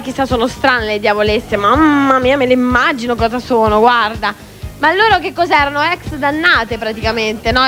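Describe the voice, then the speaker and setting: A woman's voice: high-pitched, fairly bright tone. A woman hosting a TV variety show in a studio, chatting in a teasing, playful way with a costumed guest.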